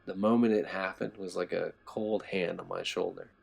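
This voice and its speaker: A man narrating a horror story in a low, tense storytelling manner. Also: fairly even intonation, moderate pace, gravelly.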